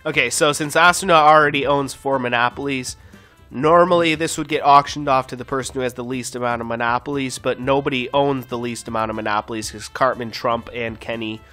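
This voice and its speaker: A stuffed-up man with a sore throat talks through a video game in casual, profanity-laced commentary. His voice is bright and forceful despite the congestion. Faint game music plays underneath. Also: medium pitch, steady tone, brisk. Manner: casual, swears often. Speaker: gaming channel host.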